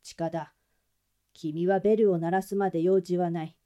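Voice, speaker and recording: A woman voicing a grumpy middle-aged male detective who speaks curtly, in a low and cold voice. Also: unhurried, mellow. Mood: curt, irritated.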